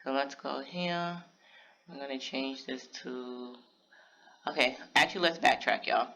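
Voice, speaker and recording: A man with a bright, forceful voice gives casual, step-by-step narration for a craft tutorial, speaking straight to his viewers. The recording sounds a little dull and lo-fi. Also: mid-range voice, measured pace. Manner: casual step-by-step explaining, talks to viewers directly.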